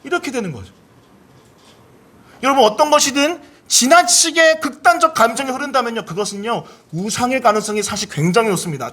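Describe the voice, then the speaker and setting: A man with a high, husky voice preaches a Sunday sermon in a lively way. He acts out people's inner thoughts with big leaps up and down in pitch. He stops often to have the congregation repeat key phrases back to him. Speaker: pastor. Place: church service.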